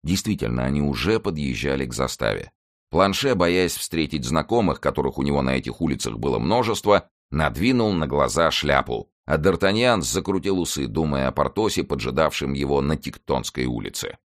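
A man narrating a classic adventure novel as an audiobook, measured and expressive. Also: a bass voice.

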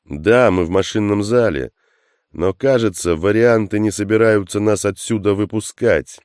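A man's voice: on the low side, moderate pace, darkish tone, no room sound, clean studio sound, pitched above the performer's own voice, natural voice. A man voicing a wry, tough male squad leader in an audiobook, sarcastic and joking under fire. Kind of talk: audiobook character voice.

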